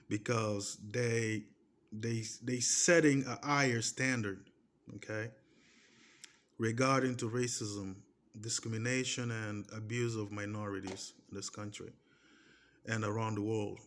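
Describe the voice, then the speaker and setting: A Portuguese-native vlogger in his thirties speaks English with a Portuguese accent in a casual personal monologue. His voice is on the low side, a bit bright, unhurried and fairly even in intonation, yet he talks emphatically, restarting phrases and pressing points with repeated checks like "okay?"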